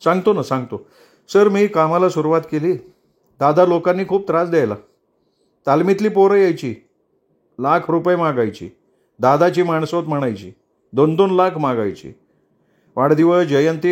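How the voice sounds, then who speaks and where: A man's voice: fairly high pitch, moderate pace, long pauses, voice pushed up, close to an everyday voice. A man voicing an eager, deferential male contractor who pleads his case in a Marathi audiobook reading. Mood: eager pleading.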